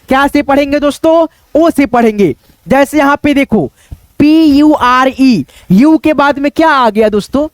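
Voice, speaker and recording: A man's voice: extremely high pitch, no echo. A man teaching English pronunciation rules, asking and answering his own questions and repeating phrases often. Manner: addresses viewers as friends, repeats phrases. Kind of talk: spoken English lesson.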